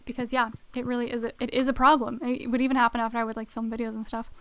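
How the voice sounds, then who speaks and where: A young woman streams a video game, chatting casually, reading out chat messages and using lots of fillers like "like." Her voice is fairly high, flat, rapid-fire, a bit bright and clean, though she's slightly losing it and sounds a little worn.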